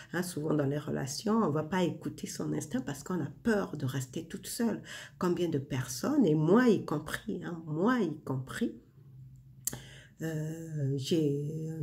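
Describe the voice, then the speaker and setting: This woman in her forties speaks to her viewers in a deep, creaky, warm voice, winding down for bed in a casual spiritual vlog. She shares inspiration intimately, addressing the listener directly and using many fillers.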